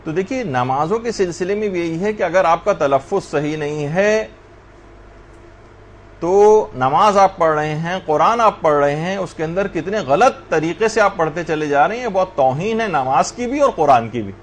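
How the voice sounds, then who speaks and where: A man's voice: fairly high pitch, expressive, a little hiss or hum. A man teaching a religious class, lecturing earnestly and addressing his students directly.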